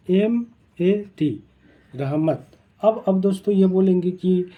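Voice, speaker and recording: A man teaching spelling in a lesson, repeating each word slowly to drill its pronunciation. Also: high voice, highs cut off.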